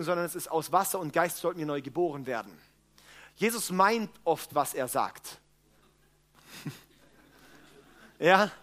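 A man's voice: high voice, fairly bright tone. A male pastor giving a casual, chatty sermon, often checking in with "ja?" and laughing at his own jokes.

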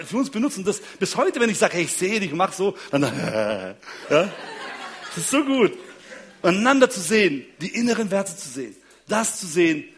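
This speaker on marriage and relationships has a high, fairly bright voice, with a little hiss or hum on the recording. He tells funny stories about his wife and children to a crowd, frequently chuckling and checking in with his listeners.

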